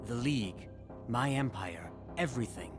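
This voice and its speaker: An actor playing an arrogant, menacing villain boss in an animated series, boastful and melodramatic. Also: male voice, medium pitch, moderate pace, over music, natural voice.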